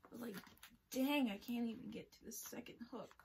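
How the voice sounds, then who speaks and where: A young woman with a fairly high voice talks to her viewers in a casual review vlog at home. She is a little out of breath and animated. A faint hiss sits under the recording. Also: normal speed, vocal fry. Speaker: vlogger.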